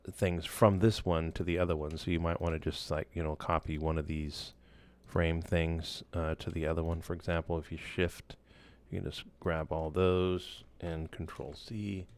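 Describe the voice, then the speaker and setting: A man walking through a software tool in a casual screen-share tutorial, loose and relaxed, with many fillers and restarts. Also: low-pitched. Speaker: instructor.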